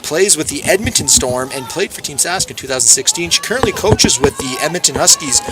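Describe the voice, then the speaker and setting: A man doing live play-by-play commentary on a football game, rising sharply in excitement on big plays. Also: fairly high pitch, brisk, background noise.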